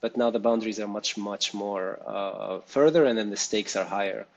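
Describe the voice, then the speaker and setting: A man's voice: fairly low pitch, normal speed, lo-fi sound. Thoughtful man from Tunisia. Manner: thoughtful, with frequent ums and restarts. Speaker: guest, startup co-founder. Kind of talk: interview conversation.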